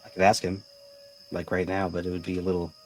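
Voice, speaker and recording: A man's voice: sits low, monotone, fast talker, darkish tone, soft background music. A man playing a tabletop game, muttering and swearing casually. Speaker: player.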